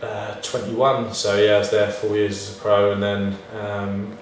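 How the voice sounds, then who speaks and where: Unhurried and fairly low-pitched, the footballer's voice barely moves in pitch as he chats informally with an interviewer. He sounds unsure and modest, quick to put himself down. The recording has strong reverb from the indoor room, a far-off mic and faint noise.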